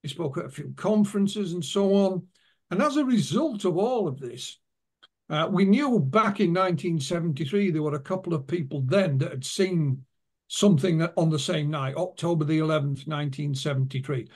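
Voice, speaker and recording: A man's voice: a little high, animated, moderate pace. A man being interviewed as an author, telling anecdotes and retelling what witnesses told him. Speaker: author and guest. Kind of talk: interview storytelling.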